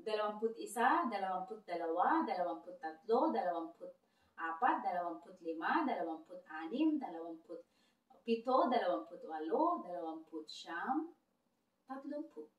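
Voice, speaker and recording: A woman language teacher leading a counting drill, reading number lists aloud carefully and deliberately. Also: mid-range voice, sing-song, distant mic, dull audio. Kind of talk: slow counting drill lesson. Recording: roomy echo, voice away from the mic.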